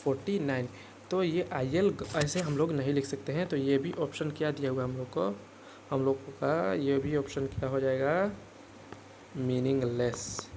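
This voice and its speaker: In a gravelly, medium-pitched voice at normal speed and fairly even intonation, a man explains a math worksheet classroom-style to children over a noisy background. He talks to viewers as kids, patiently drawing things out, repeating points and constantly checking with "right?"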